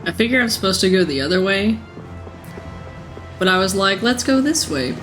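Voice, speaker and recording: A woman streamer chats casually as she plays, joking at her own expense. Her voice sits in an ordinary middle range and sounds a bit rough from being sick. Soft game music plays under her talk. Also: medium pitch, lively intonation, moderate pace. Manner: chatty, self-mocking, laughs often. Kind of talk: casual let's-play commentary.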